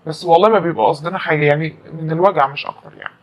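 Egyptian woman tarot reader, husky voice, emphatic rapid patter. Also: deep voice. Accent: Egyptian Arabic. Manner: chatty, emphatic, repeats phrases. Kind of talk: casual tarot reading to camera.

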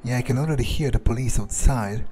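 Here a man talks fast in a mellow, mid-range voice, narrating his game character's thoughts in a hesitant, musing way and cursing under his breath. A little hiss or hum can be heard.

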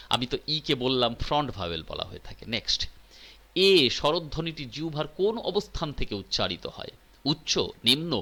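Guy teaching exam prep, quizzing you on each answer, bouncy pitch all over. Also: vocal fry, pushed and bright. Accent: Bengali. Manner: quizzes the listener, reads options then explains. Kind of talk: recorded exam-prep lesson.

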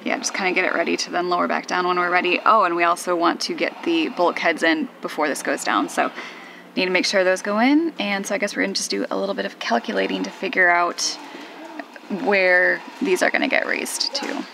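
Her voice is lowish, gravelly, and sharp in tone, fairly even in intonation and fairly quick. In her thirties, she casually explains a boat build step by step, filming herself at arm's length inside a large, noisy covered shed.

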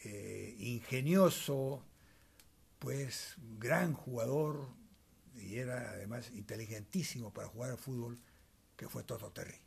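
An aging man from Peru, a guest being interviewed about times gone by, talks into the interviewer's handheld wired microphone in a small, cluttered room. He has a husky, creaky voice of medium pitch with a darkish tone. His delivery is measured and narrative, peppered with side remarks.

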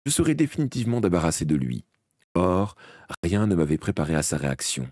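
A man with a very low, husky voice reads a fantasy audiobook aloud in the first person. He reads in a dramatic, expressive way, and his pitch rises and falls widely. The recording is dry and close, with no room sound. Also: fairly quick, no echo. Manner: dramatic, expressive reading with small slips and restarts. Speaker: audiobook reader. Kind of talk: first-person audiobook narration read live.

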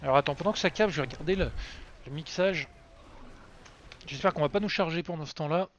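A man's voice: a little high, brisk, slight background noise. A man chatting casually on a game live stream, rambling and self-mocking with lots of fillers. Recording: dry, slightly dull lo-fi sound.

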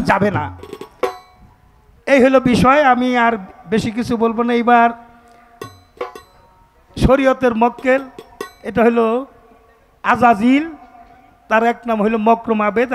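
Man singing pala gaan on stage, very high voice, loud folk band behind. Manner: sings verses then explains in rustic spoken rhythm. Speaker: folk debate singer. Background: folk instruments.

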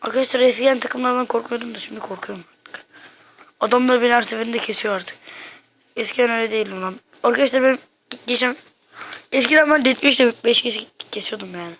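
Female gamer, fairly high voice, excitable, slangy, casual gameplay commentary. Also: quick pace, a little hiss or hum. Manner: excitable, slangy, talks to self and viewers. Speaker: gaming video maker.

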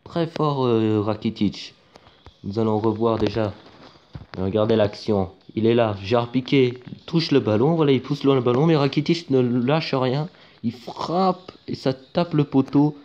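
A man commentating his own football video game match in a casual, excitable way, rising to shouts at big moments, with lots of fillers. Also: mid-range voice, a little slow. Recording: dull lo-fi home mic with faint noise.

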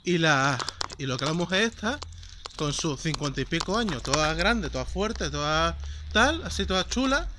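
A man's voice: on the high side, sing-song, moderate pace, background noise. A man with a Spanish accent from Spain, telling a story in a rambling, indignant vlog. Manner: rambling and indignant, with many fillers. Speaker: vlogger. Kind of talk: casual storytelling.

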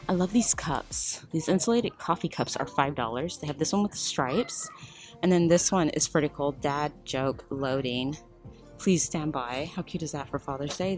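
A woman's voice: low-pitched, a little mellow. A woman casually narrating a shopping walkthrough in a large store, reading out items and prices as she films on her phone. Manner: chatty, reads out prices and labels. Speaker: shopping vlogger. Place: large retail store indoors. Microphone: handheld phone camera.

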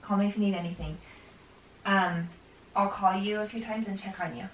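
A woman's voice: mid-range voice, fairly even intonation, a little fast, dull audio, slight background noise. A middle-aged American woman chatting casually as a mother at home in a bedroom. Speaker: mother of the vlogger. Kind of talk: casual family chat.

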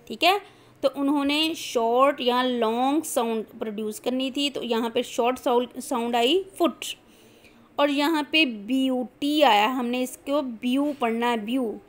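A woman teacher, speaking in a high voice. She talks slowly and patiently through a classroom lesson, breaking words apart and spelling them letter by letter.

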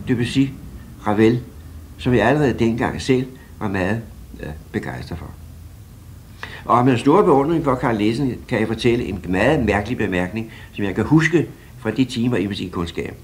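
An older man from Denmark recalls his student days in an interview, spinning lively anecdotes at a moderate pitch. A faint hiss sits under his voice. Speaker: retired pianist interviewee. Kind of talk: reminiscing interview.

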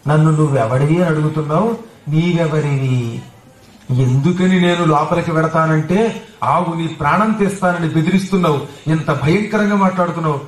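A man voicing a gentle, humble monkey hero who speaks softly and pleadingly. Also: fairly high pitch, moderate pace, lightly acted. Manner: soft, pleading. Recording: roomy hall, distant mic.

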